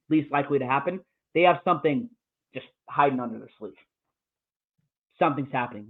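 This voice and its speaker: A man co-hosting a casual sports podcast, ranting with heavy profanity about his football team. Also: mid-range voice. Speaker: podcast co-host. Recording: tinny phone-like call audio.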